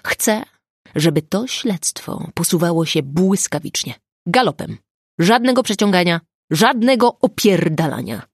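A woman voicing an arrogant, irritable male prosecutor who scolds in a loud, raised voice, in an audiobook. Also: lowish voice, sing-song, measured pace, husky, no echo, clean studio sound, full character voice. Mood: angry.

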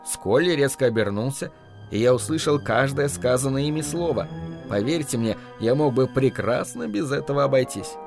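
A man's voice: medium pitch, animated, moderate pace, vocal fry, soft background music. A man narrating an audiobook in the first person, telling the story with dramatic shifts for the characters.

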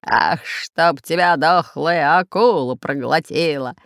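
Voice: mid-range voice, measured pace, creaky, dry recording, clean studio sound. A narrator growling as a grumbly pirate captain. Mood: grumbling. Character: red-bearded pirate captain, greedy, grumbling.

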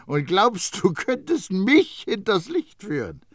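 A man voicing a stern, blustering elderly master perfumer who scolds and mocks loudly, in an audiobook. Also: sits high, expressive, takes it slowly, creaky, no room sound, studio quality, voice pushed up, exaggerated voice. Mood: shouting. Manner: loud, scolding and mocking. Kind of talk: audiobook character voice.

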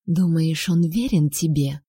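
A woman voicing a drunk, jealous noble duchess who sneers and shouts spitefully in an audiobook. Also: medium pitch, normal speed, no echo, studio quality, natural voice. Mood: spiteful shouting.

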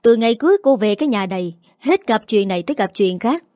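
A woman's voice: fairly high pitch, animated, fast, a little mellow, no echo, studio quality, lightly acted. A woman reading a storybook voices a harsh older mother-in-law who scolds in a biting, accusing tone. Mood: scolding.

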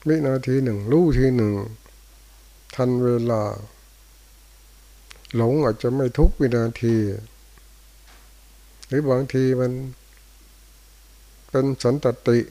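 An older male Buddhist monk, giving a dharma talk in short, unhurried phrases with pauses. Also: mid-range voice, mellow, low-quality recording. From Thailand. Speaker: monk teacher. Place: monastery hall after morning chanting.

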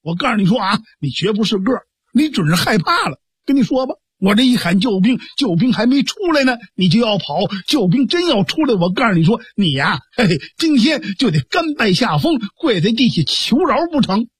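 A man voicing a spoiled, brash young brother who taunts and boasts loudly, with a husky voice. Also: high voice, big pitch swings, brisk, few pauses, no room sound, studio quality, full character voice. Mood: taunting.

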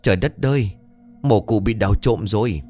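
A man's voice: expressive, normal speed, darkish tone, soft background music, lightly acted. A man voicing terrified young male household servants who cry out in panic. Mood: panicked. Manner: panicked, shrill cries.

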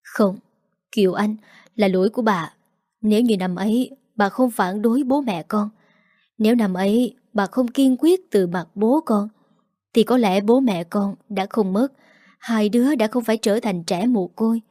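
A woman's voice: medium pitch, normal speed, warm tone, no echo, clean studio sound, close to an everyday voice. A woman voicing a remorseful grandmother near seventy who pleads her apologies through tears. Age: older.

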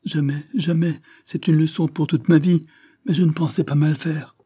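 Un homme incarne une jeune noble effrayée qui supplie et pleure, dans la lecture d'un roman. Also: male voice, a little high, fairly even intonation, normal speed, mellow, slightly rough, dry recording, clean studio sound, voice pushed up. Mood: distraught, pleading. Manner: tearful, trembling pleading. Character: frightened young noblewoman, tearful and pleading. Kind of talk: audiobook character reading.

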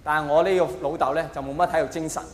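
Racing through his set in a fairly high, steady voice, a Hong Kong Cantonese-accented man does stand-up comedy. The monologue is colloquial, full of overstatement and rhetorical questions, and the hall echoes with faint noise behind him.

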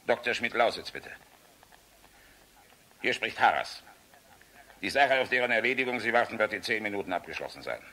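An actor playing a proud, weary, sardonic middle-aged air force general in a radio play, commanding and grave, with deliberate pauses. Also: male voice, lowish voice, expressive, bright, forceful tone, full character voice. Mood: brisk, commanding. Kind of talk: German radio play acting.

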